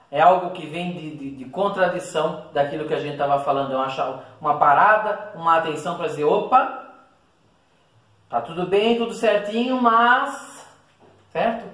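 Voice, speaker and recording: A man's voice: fairly high pitch, pushed and bright. A man with a Brazilian Portuguese accent, teaching a recorded class and checking in with his students after every point. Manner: explains step by step with frequent "certo?" and "beleza?" checks. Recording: echoey room, distant mic.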